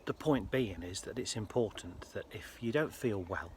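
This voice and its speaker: A British man with a fairly low voice talks to his viewers in a casual personal vlog. His delivery is earnest and halting. There is faint ambient noise behind him. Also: lively intonation. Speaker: health vlogger.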